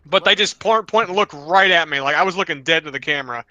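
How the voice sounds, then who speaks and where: Guy on a podcast rambling thru a story, really bright tone, dry close mic. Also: a little high, fast, no room sound, muffled recording. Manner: rambling, restarts often, acts out quotes. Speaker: podcast co-host. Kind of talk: casual storytelling chat.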